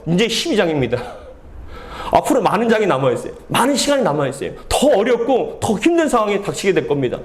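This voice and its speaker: Male pastor, high voice, lively sermon delivery, slow scripture reading. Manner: animated preaching, slow scripture reading, acts out dialogue with God.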